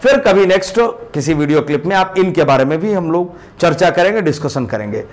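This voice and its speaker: Man, Indian English accent, grammar lesson, high-pitched, stresses words hard. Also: expressive. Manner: drills example sentences slowly with heavy word stress. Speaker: English teacher.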